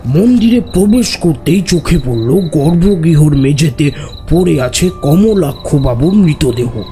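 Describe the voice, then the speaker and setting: An actor playing a tantric who tells his tale in a slow, grave, measured manner, in an audio horror drama. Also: on the high side, expressive, mellow. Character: gruff older male tantric storyteller. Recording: music and crickets behind.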